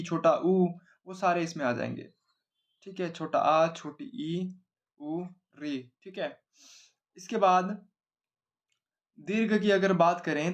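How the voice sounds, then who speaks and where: Higher-voiced male teacher. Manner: explains simply, repeats questions and answers them himself, asks 'है ना?' often. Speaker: Hindi grammar teacher. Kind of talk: exam-oriented whiteboard lesson.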